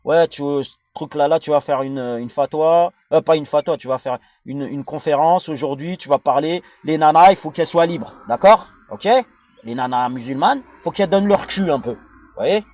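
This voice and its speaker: With a fairly high pitch and darkish tone, this man talks at a moderate pace. An adult from France who has a young child, he's a vlogger with a French accent giving a rambling, informal, crude and slangy monologue, bluntly digressing and repeating points.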